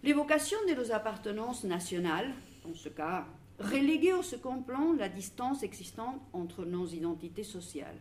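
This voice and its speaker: A woman's voice: mid-range voice, big pitch swings, darkish tone. Argentine woman reading a conference talk. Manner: measured, reads from notes with small restarts. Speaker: researcher presenting at a public debate.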